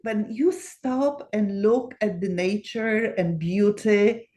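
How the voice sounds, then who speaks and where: A woman's voice: mid-range voice, slow pace, darkish tone. Earnest older woman with phrasing. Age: 70s. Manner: earnest, repeats words for emphasis, non-native phrasing. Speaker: guest researcher. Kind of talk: casual interview talk.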